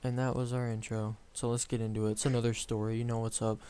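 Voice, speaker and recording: A young man co-hosting a casual story show, wandering through his tale with constant fillers and restarts. His voice sits in an ordinary middle pitch, with a faint hum of noise behind him. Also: flat delivery, fast talker, mellow. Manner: rambling, many "like" fillers and self-corrections.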